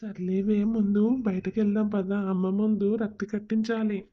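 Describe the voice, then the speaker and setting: A woman's voice: medium pitch, little pitch movement, normal speed, close to an everyday voice. A woman voicing Ramu, a cheating young husband. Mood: annoyed. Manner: defensive, dismissive. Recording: dull lo-fi audio.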